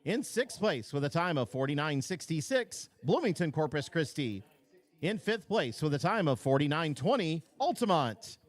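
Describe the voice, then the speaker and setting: A man's voice: a little high, very animated. A man announcing awards at a track meet over a public address system, calling places, marks and schools, and stretching out the winners' names. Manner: slow, drawn-out name calls.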